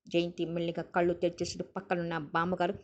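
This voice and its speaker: A woman narrating an audiobook in a steady reading voice, on a dull lo-fi recording. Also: fairly low pitch, fast, a little hiss or hum.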